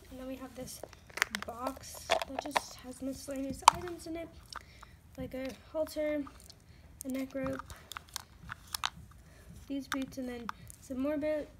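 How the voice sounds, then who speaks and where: High-voiced woman giving a chatty toy-barn tour. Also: noisy background. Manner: chatty listing, soft at times, slips into whispers. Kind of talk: casual narrated toy tour. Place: carpeted room at home, indoors. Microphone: handheld phone camera, unseen speaker.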